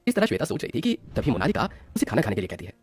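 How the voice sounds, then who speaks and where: A man narrating a cartoon story as a lively storyteller. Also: medium pitch, racing, husky, no room sound.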